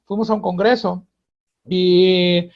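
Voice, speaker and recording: A man with a Mexican accent, a pastor speaking as a radio guest, preaching in an earnest, halting way that often repeats words. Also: sits high, steady tone, dull audio.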